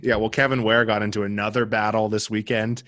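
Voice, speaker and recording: A man's voice: lowish voice, little pitch movement, fairly quick, a bit bright, no echo, studio quality. A young American man co-hosting a podcast, chatting casually about basketball results with plenty of fillers and restarts. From United States. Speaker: podcast co-host. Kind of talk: casual sports chat.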